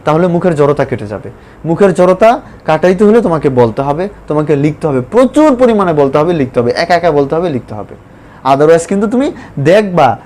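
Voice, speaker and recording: A man teaches spoken English in an online lesson. He talks emphatically and repeats points, then slows right down to spell out English examples. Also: on the high side, darkish tone.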